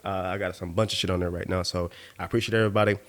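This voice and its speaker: A man with a lowish voice hosts his own podcast in a casual, rambling monologue. He talks loosely and profanely, peppering his lines with "bro" and "you know what I mean". He sounds a little tipsy from drinking. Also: steady tone, rapid-fire, fairly bright tone. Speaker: podcast host.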